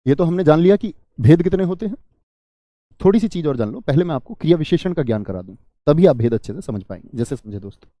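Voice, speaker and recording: A man's voice: on the high side, lively intonation, fast, mellow, no room sound. A man teaching Hindi grammar in an online class, asking students questions, answering them himself and repeating key words.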